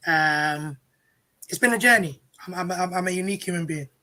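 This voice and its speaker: A man, giving a personal account in a halting, deliberate way as an interview guest. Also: high voice, bright, forceful tone. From England. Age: 30s. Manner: halting, deliberate, restarts words.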